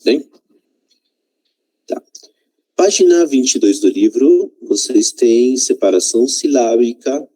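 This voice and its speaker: A man whose first language is Spanish teaches a Portuguese lesson, mixing in Spanish words and checking in with "né?" and "tá?". His voice sits low, with a dark, mellow tone and a husky edge. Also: low-quality recording.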